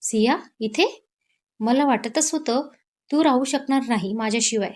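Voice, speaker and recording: A woman's voice: fairly high pitch, moderate pace, lightly acted. A woman voicing a lovesick troubled young man. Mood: longing. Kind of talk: Marathi audio story narration.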